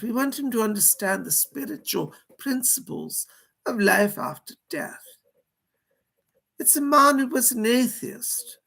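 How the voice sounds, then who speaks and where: A woman with a husky, creaky voice, solemnly introducing a channeling as a seance medium. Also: medium pitch, sharp tone. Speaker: seance leader introducing a spirit.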